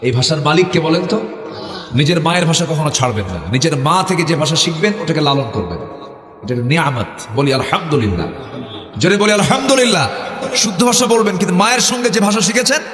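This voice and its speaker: A man with a North Bengal accent preaches to a crowd in a raised, fairly high voice, switching between loud calls and quiet asides. His sermon rings through an echoey hall with a long reverb tail. He keeps calling on the listeners to chant back. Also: big pitch swings, a little fast, soft background music. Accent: North Bengal (Bogura) Bengali. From Bogura, Bangladesh. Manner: call-and-response, prompts the crowd to chant back; swings between loud exhortation and low asides. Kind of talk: Islamic sermon (waz) to a live crowd.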